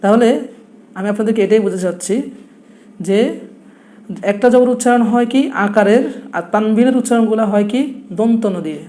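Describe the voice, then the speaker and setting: Teaching a blackboard lesson, a young Quran teacher with a Noakhali Bengali accent patiently repeats every point and poses rhetorical questions. His voice sits high with a dark tone, moving fairly quickly but with long pauses.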